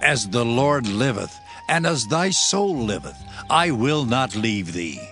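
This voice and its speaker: Slow, solemn prophet's disciple Elisha. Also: male voice, mid-range voice, big pitch swings, fairly bright tone, soft background music, heavily acted. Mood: resolute, devoted. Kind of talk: dramatized Bible acting.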